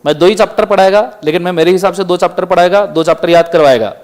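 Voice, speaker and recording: Strict high-voiced male lecturer. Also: fast, a little mellow. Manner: strict, scolding students, firing questions at the class. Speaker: law lecturer. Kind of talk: classroom lecture. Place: classroom.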